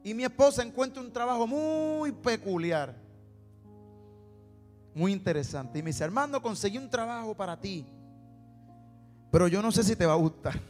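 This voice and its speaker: A man with a Puerto Rican accent and a high voice, preaching in a church sanctuary with a long reverb trailing his words. He tells his testimony as a story, acts out both sides of each conversation and repeats words for weight. Soft instrumental music plays faintly underneath. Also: big pitch swings, moderate pace, pauses often. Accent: Puerto Rican Spanish. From Puerto Rico. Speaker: preacher and singer. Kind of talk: sermon with personal testimony.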